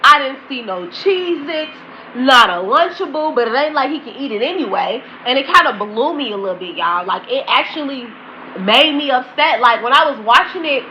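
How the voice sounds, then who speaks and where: A woman's voice: sits high, lively intonation, moderate pace, lo-fi sound, a little hiss or hum. A woman blogger ranting heatedly in casual slang, talking straight to her viewers in a commentary vlog. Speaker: celebrity gossip blogger.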